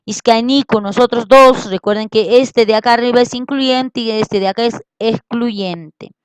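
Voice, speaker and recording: A woman teaching a language lesson, slowly repeating words and often checking that her students follow. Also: a little high, smooth, no room sound, rough recording. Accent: Peruvian Spanish. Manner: slow, patient, repeats words and checks understanding. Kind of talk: classroom lesson.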